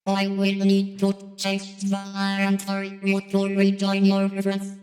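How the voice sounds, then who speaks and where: A flat, monotone station computer, voiced by a woman, speaking in a mellow, dark tone. Its even announcements hang in a long reverb, with music playing underneath. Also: mid-range voice, slow pace, close to an everyday voice. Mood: calm.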